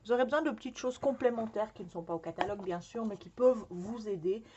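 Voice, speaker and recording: Speaking quickly at medium pitch over background noise, a woman presents scrapbooking supplies at her workshop. Her casual product demonstration is friendly but full of "euh" hesitations, and the sound is slightly dull and lo-fi.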